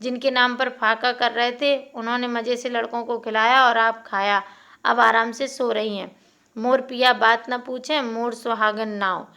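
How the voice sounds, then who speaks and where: A woman's voice: a little high, flat delivery, a little slow, sharp tone. A woman voicing a young village wife who speaks in a scornful, taunting way. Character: Mulia, young wife, sharp-tongued and scornful.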